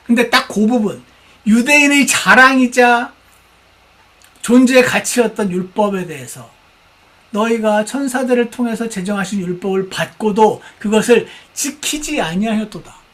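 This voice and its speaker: A man with a high-pitched voice preaches a sermon from the pulpit of a church. He is animated and dramatic, dropping into hushed asides and acting out the voices of the people he tells about. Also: normal speed. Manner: animated, acts out quoted speakers, mimics shouting. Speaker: pastor.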